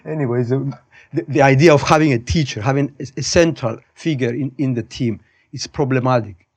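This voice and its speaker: In a medium-pitched, slightly mellow voice with a breathy edge and moderate pace, a man from Cyprus in his fifties talks casually as a podcast guest. A high school physics teacher, he's opinionated and tends to wander, often restating and rewording what he's said.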